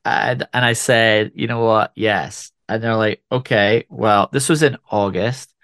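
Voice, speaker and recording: A man in his forties from Scotland, with a faint Scottish accent, telling his story as an interview guest in a relaxed way with frequent restarts. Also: fairly low pitch, a little slow, dry recording. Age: 40s. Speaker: whisky ambassador guest. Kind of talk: conversational interview.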